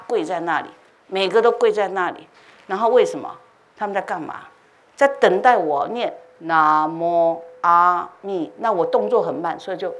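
A woman Buddhist master giving a dharma talk as a lively story, acting out dialogue and sound effects. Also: lowish voice, slight background noise. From China. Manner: animated, acts out dialogue with laughs and sound effects. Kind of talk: storytelling sermon. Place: temple hall.

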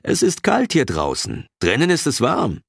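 A man voicing a calm, mysterious wandering man in an audiobook, speaking in a measured, quiet manner. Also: mid-range voice, creaky, slightly rough, no room sound, studio quality, voice pushed up, full character voice. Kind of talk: audiobook character reading.

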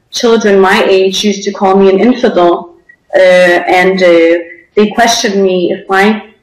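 A young woman from Denmark talks on a video call from a small room, hesitant and full of fillers. Her voice sits mid-range for a woman. The call audio rings with room echo. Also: medium pitch. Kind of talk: interview answers.

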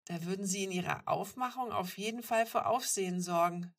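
A woman reading aloud, voicing a flustered, indignant teenage girl from a wealthy family, higher and louder than her narration. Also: fairly quick, close to an everyday voice. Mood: pleading.

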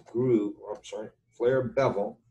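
Working at a webcam-equipped computer indoors, a middle-aged structural engineering instructor gives an informal screen-share tutorial in a relaxed, mellow, lowish voice. He proceeds slowly and haltingly, thinking aloud as he writes, with keyboard typing around his speech. The audio has its highs cut off and carries a little hiss or hum.

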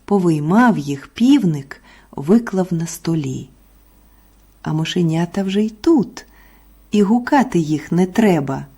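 A woman reads a children's fairy tale in a gentle storyteller's voice, taking her time over every phrase. Her tone is mellow and a little low, with a soft husky grain. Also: lively intonation. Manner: slow, gentle, storybook delivery. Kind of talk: scripted narration of a children's folk tale.

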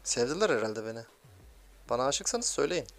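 A young man giving excitable, grumbling commentary while playing a mobile game, swearing at teammates. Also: medium pitch, fairly quick. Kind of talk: live gameplay commentary.

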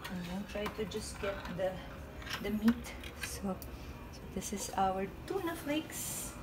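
A woman's voice: medium pitch, animated, slow. A middle-aged woman demonstrating a simple recipe in her home kitchen, explaining each step in a chatty way. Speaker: home cooking vlogger. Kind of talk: casual cooking demonstration. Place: small home kitchen, indoors. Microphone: handheld phone camera filming her. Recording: echoey kitchen with clear background noise.

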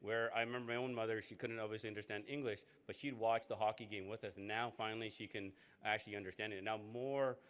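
A man, a politician giving a halting speech from a podium in a hall. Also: fairly low pitch, steady tone, a bit bright, clean tone. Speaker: politician co-hosting an event. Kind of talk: public speech. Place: indoor hall, on stage at a podium. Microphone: podium microphone.

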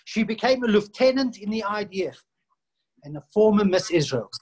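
High-voiced rabbi giving a welcome. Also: male voice, lively intonation, moderate pace, slightly rough, poor audio. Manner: earnest, stumbles over words. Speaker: rabbi introducing the event. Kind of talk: formal welcome speech.

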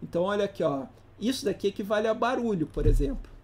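Talking fast and animatedly in a medium-pitched, slightly mellow voice, an instructor runs a relaxed live class. Slangy, playful asides and rhetorical questions aimed at the audience fill the lesson.

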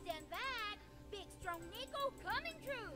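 A tiny, boastful shapeshifter creature, as a woman puts her on, squeaking very high with a lively, bouncing lilt. She brags about herself in the third person, in a bright, thin voice with faint music behind. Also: measured pace, exaggerated voice. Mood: playful boast.

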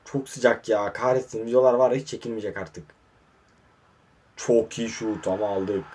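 A man commentating his own mobile football match, muttering in frustration and breaking into sudden excited outbursts, hot and sweating in a warm room. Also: fairly low pitch, moderate pace. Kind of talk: casual live gameplay commentary.

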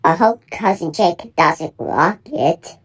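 A woman's voice: fairly low pitch, slow, slightly rough. A woman narrating a skit and reacting plainly to what happens.

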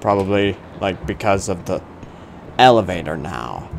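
A man in his twenties giving casual, halting, wry gaming commentary into a close desk microphone. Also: low voice, expressive, creaky, a little hiss or hum. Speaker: gaming video host. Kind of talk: casual let's play commentary. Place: small room indoors. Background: video game ambience.

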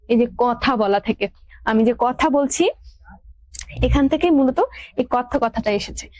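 A young woman with a fairly high voice teaches an online class. She explains patiently, fills pauses with small hesitations and repeats her examples. The sound is dry and close, with no room in it. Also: darkish tone, dry recording.

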